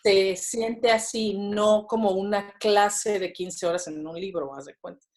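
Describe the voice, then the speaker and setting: Here a woman in her thirties from Mexico chats casually as a podcast guest, her Mexican Spanish accent audible throughout. Her medium-pitched voice is a little mellow and a little slow, with fairly even intonation, and her speech is full of fillers and tag questions.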